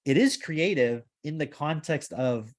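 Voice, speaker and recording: A man's voice: on the high side, lively intonation, measured pace. A man hosting a casual podcast discussion, rambling and filling his talk with "like" as he works through his points. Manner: rambling, heavy use of "like". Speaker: podcast host.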